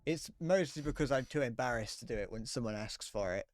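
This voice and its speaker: Over slight background noise, a young man with a medium-pitched voice chats casually while streaming a game, sounding animated and brisk. He rambles, runs himself down, and often lets sentences trail off midway.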